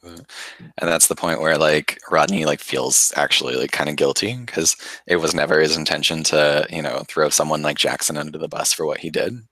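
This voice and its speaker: Deep-voiced rambling man. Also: flat delivery, normal speed, pushed and bright, dry recording. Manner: rambling, filler-heavy. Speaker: player. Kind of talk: narrating a tabletop game character.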